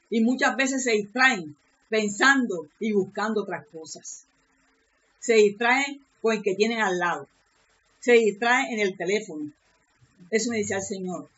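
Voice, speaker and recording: A woman's voice: on the high side, fairly bright tone, dull audio. Fervent woman pastor preaching. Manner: earnest preaching, repeats phrases, calls out "aleluya". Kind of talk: sermon.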